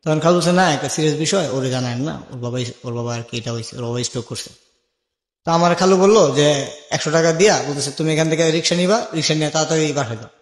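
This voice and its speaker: Talking fast in a fairly high-pitched voice, a young man from Bangladesh narrates his own life as a guest in a radio-style interview. His speech is colloquial, and he plays out remembered exchanges. Long, echoey reverb colors the recording.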